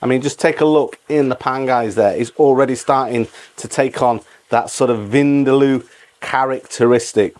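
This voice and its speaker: A man's voice: mid-range voice, moderate pace, darkish tone. A middle-aged man hosting a casual step-by-step cooking tutorial, repeating phrases for emphasis. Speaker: cooking channel host.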